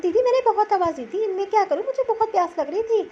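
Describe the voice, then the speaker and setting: A woman's voice: very high-pitched, lively intonation, fast talker. A woman voicing a weak young new mother in a cartoon story, complaining plaintively and sounding sore and tired. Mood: self-pitying. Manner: plaintive, self-pitying complaining. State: weak and sore after childbirth. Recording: slightly dull lo-fi recording.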